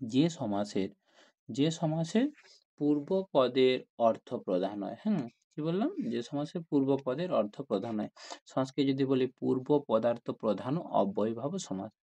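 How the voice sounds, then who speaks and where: A man's voice: medium pitch, expressive, moderate pace, dark tone. A man teaching a grammar lesson to school students, explaining step by step and often asking questions like "isn't it?".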